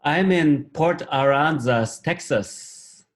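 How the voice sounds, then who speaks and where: A man's voice: on the high side, takes it slowly, a crowd in the background. A man, a film director, chatting casually and introducing friends over a video call.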